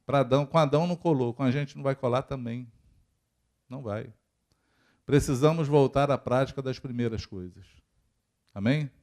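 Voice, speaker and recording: Brazilian male pastor, mid-pitched, conversational church sermon full of questions to the pews. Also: normal speed, pauses often, darkish tone. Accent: Brazilian Portuguese. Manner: conversational preaching, rhetorical questions to the congregation.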